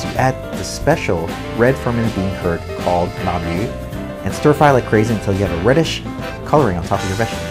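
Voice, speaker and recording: A man narrating a food and wine show, explaining recipes step by step in an upbeat way. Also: lowish voice. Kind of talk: cooking show voice-over narration.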